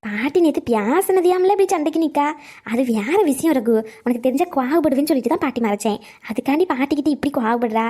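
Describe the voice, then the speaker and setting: A woman's voice: sits high, mellow. A woman voicing a chatty old grandmother. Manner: dramatic, theatrical scolding. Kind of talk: cartoon comedy acting.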